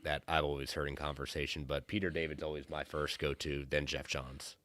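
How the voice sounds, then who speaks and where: A man's voice: extremely low pitch, level tone, a little fast, fairly bright tone, dry recording. A man with a cold and a nasal voice, chatting casually as co-host of a livestream and repeating words as he starts. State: has a cold.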